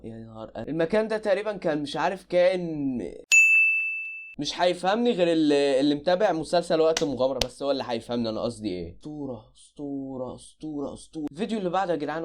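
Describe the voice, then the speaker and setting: A man with an Egyptian accent giving casual reaction commentary on videos, full of loud exclamations and repeated cries of disbelief. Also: a little high, a little hiss or hum. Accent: Egyptian Arabic.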